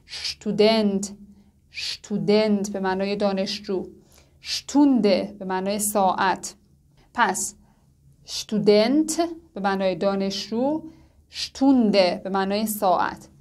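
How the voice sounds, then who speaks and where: A woman giving a step-by-step language lesson. She stretches out each example word slowly, then moves on quickly to its meaning. Her pitch sits in a plain middle range. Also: a little mellow. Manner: slow, drawn-out model words between quick explanations. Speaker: German language teacher. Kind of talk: lesson narration.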